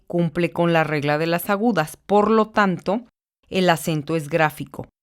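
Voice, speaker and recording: A woman's voice: on the low side, smooth. A woman with a Mexican accent, a university instructor giving a recorded lesson, patiently repeating words syllable by syllable. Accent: Mexican Spanish.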